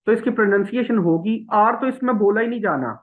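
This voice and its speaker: A man teaching an English test class, explaining slowly and repeating words for students to copy. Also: high-pitched. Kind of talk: classroom lecture. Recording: phone-like thin sound.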